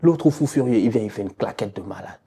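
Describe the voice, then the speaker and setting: Man, dejected, dark tone, raspy, football reaction chat. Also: lowish voice, lively intonation, brisk. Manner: dejected, venting in bursts. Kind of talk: casual reaction commentary.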